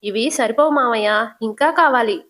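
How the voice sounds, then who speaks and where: An outspoken young daughter-in-law presses her point with insistent earnestness, voiced by a woman narrator. Her voice is a touch high. She sounds like a soap heroine retold at home. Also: brisk, a bit bright, lightly acted.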